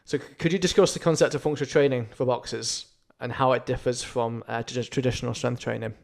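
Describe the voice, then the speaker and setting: A man's voice: medium pitch, steady tone, fast, gravelly, darkish tone. A man interviewing someone in a casual, informal and agreeable way.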